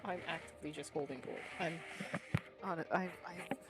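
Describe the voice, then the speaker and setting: A woman streaming from her home desk in casual chat, cooing softly to her cats and often dropping to a hush. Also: lowish voice, normal speed, rough recording. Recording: clear background music. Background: music.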